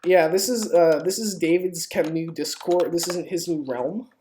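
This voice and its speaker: A woman gives casual, sweary live commentary on a game stream, jokingly pleading with her viewers. Her voice is fairly low and dark at a moderate pace, and the home stream is clearly noisy, with keyboard clicks.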